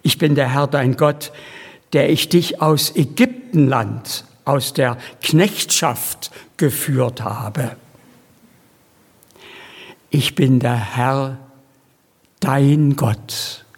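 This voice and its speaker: A man preaching a sermon slowly and emphatically, with homely asides to his congregation. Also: medium pitch, breathy edge, long reverb tail.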